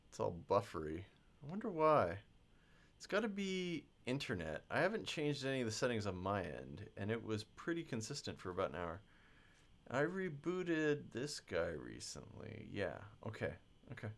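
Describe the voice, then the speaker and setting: A man works through physics questions on a livestream in a loose, conversational way. His pitch rises and falls a lot, and he thinks aloud and grumbles to himself as he goes. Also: wildly swooping pitch, normal speed, gravelly. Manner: chatty, muttering to himself about the stream. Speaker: physics instructor. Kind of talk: casual livestream tutoring.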